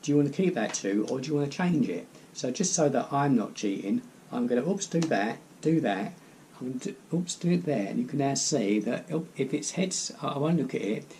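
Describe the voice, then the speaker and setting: A man's voice: mid-range voice, animated, fairly quick, warm tone, slight background noise. A man giving casual card magician patter as host, rambling step by step, repeating phrases and adding self-deprecating asides.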